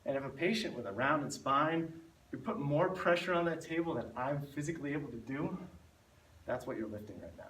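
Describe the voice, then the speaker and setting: Slightly breathless, this fitness instructor talks through and demonstrates spinal stability exercises in a fairly quick, lively voice that's fairly high and fairly bright. He's recorded in an echoey room from a distant mic, with faint noise.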